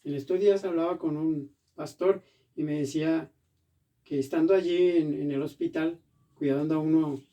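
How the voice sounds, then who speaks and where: A man preaching a sermon as pastor in a church, animated and acting out the voices he quotes. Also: fairly high pitch, moderate pace, recorded from a distance.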